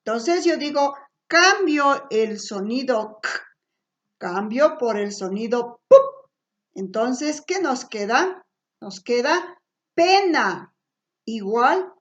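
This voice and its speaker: A woman teacher speaks in a high voice at an unhurried pace. She explains patiently and keeps checking that her listeners follow along. The recording sounds dull and lo-fi. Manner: slow, patient, frequent checking questions. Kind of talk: remote classroom lesson.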